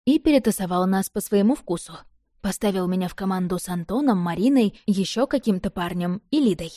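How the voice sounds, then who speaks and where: A woman reading a novel aloud in the first person, expressive and lively. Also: medium pitch, fairly quick, no room sound, clean studio sound. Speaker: narrator. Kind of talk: audiobook narration.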